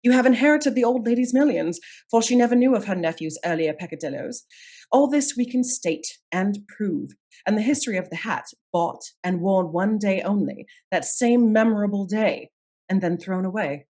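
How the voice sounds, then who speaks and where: Woman acting lady sleuth, commanding, methodical, formal diction, assured, medium pitch, period radio drama. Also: expressive, moderate pace, mellow, close to an everyday voice. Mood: accusing, resolute. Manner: articulate, formal, methodical accusing delivery. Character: shrewd, composed lady detective of Scotland Yard, commanding and assured.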